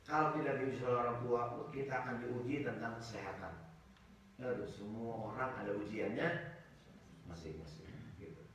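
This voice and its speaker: A man's voice: mid-range voice, moderate pace, fairly bright tone, slight background noise. A man giving a casual, humorous sermon as a religious teacher, acting out the complaints of his listeners in raised voices and joking with the audience. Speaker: ustaz giving a study circle talk. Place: mosque hall. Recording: echoey mosque hall from far off.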